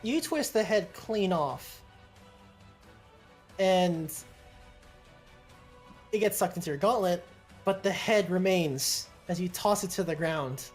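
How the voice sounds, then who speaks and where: An informal game master narrates a tabletop session in a middle-pitched voice. The delivery is improvised and halting, slipping into casual chat, with music behind. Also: expressive.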